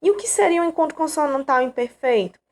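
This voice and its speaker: Brazilian woman teacher, higher voice, patient step-by-step explainer, frequent check-ins. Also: animated, fast, darkish tone. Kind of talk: online grammar lesson.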